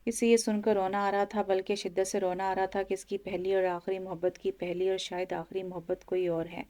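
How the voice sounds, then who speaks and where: A woman narrating an audio novel in a steady, measured reading. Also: medium pitch.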